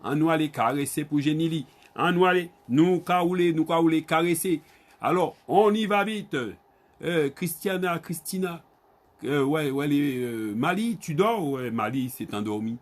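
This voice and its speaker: Man, Guadeloupean Creole accent, slightly high voice, Creole teacher, slow repetition of words, spelling letter by letter, calls on students. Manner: repeats words slowly, spells them out and calls on students by name. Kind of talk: online Creole spelling lesson.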